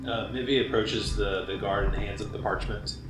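Man, game player, lower pitch, casual role-play talk, loud music bed, roomy sound. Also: steady tone, normal speed.

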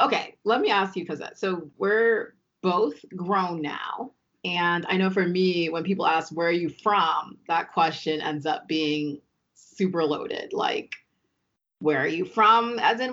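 A woman's voice: on the low side, a bit bright, highs cut off. A woman from Maryland, a podcast guest chatting casually and thinking aloud with lots of fillers. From Maryland, USA. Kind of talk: casual chat.

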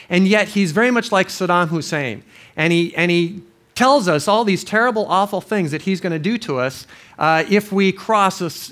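A male pastor preaching a sermon, his voice a little higher than most men's. He talks earnestly and conversationally, often backing up to restart a phrase. He also reads scripture aloud and leads a prayer. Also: fairly bright tone. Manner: reads scripture, then prays.

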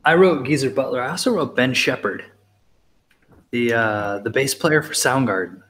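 Male co-host, mid-pitched voice, hesitant, restarts often, thinks aloud. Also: normal speed, a bit bright. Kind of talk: casual music review chat.

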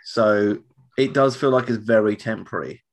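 A man's voice: on the low side, normal speed. A British man with a ropey, tonsillitis-affected voice, chatting casually as a podcast co-host. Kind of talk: casual chat.

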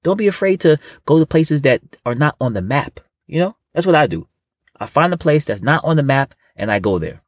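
A man's voice: medium pitch, animated, normal speed, no room sound. A man co-hosting a podcast in casual comedic chat, rambling and repeating himself with boastful, street-casual phrasing. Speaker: podcast co-host.

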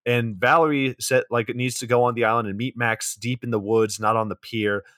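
A man casually retelling a movie's plot on a podcast, his mid-range voice relaxed and a little deadpan. He drops curse words and dry side comments as he goes. The sound is close and dry. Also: mid-range voice, brisk, dry recording. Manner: laid-back recapping with profanity and dry asides. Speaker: podcast co-host. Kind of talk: casual movie recap chat.

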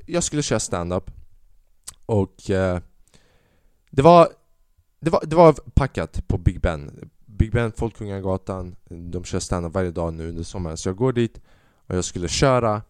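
A young man, a comedian, telling a story in a profane, animated casual rant, dropping in English phrases. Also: lowish voice, no echo, clean studio sound.

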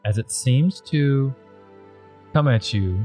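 A man's voice: medium pitch, expressive, slow, warm tone, faint music behind. A man acting as game master, casually narrating a tabletop role-playing game and explaining its rules.

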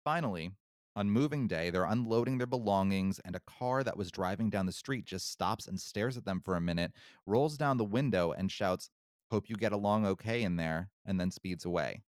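A man's voice: low voice, animated, moderate pace, no room sound, studio quality. A man casually retelling a spooky true story as a podcast co-host, with wry, sarcastic asides.

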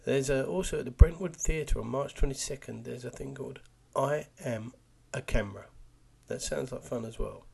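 A man with a husky voice presenting a local podcast in a chatty, wry way with joking asides. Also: medium pitch, moderate pace, a little mellow. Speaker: podcast host.

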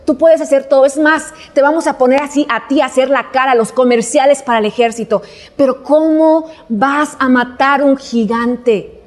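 A woman's voice: sits high, fairly even intonation, normal speed, long reverb tail, natural voice. A woman preacher voicing King Saul as an astonished older king who doubts the boy, talking fatherly. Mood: incredulous.

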